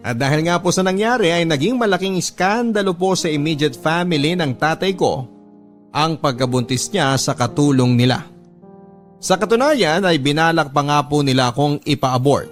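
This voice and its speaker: A man's voice: a little high, expressive, moderate pace, soft background music. A man in scripted narration, recounting a family story in an earnest, polite, confessional tone.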